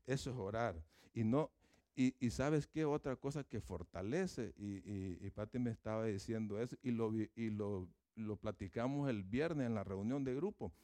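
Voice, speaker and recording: A man's voice: on the low side, warm tone, dry recording, clean studio sound. A man preaching a sermon in a conversational way, with informal asides and fillers.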